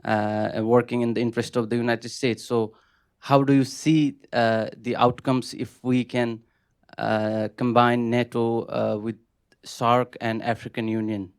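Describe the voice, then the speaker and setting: A man's voice: medium pitch, a little slow, clean tone. A young man from Nepal, a graduate student, asking a panel a question from the audience in a hesitant, polite way. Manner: hesitant, polite, flat delivery.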